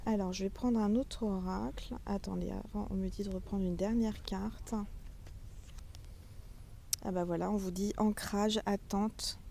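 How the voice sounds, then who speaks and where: A woman's voice: medium pitch, steady tone, measured pace, creaky, mellow, a little hiss or hum. A woman giving a casual, chatty tarot reading outdoors in front of a castle, talking straight to her viewers. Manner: chatty, addresses viewers as little stars. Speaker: tarot reader.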